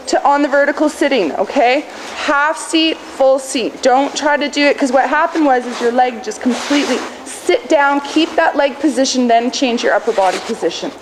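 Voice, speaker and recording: A woman coaching a horse riding lesson, projecting brisk commands and corrections with short explanations. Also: high-pitched. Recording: clearly noisy riding-lesson ambience.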